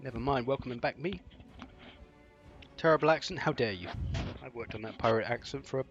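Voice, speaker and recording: A man streaming a game in casual chat, answering viewers with sardonic banter and often clearing his throat. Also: mid-range voice, brisk, lo-fi sound, soft background music.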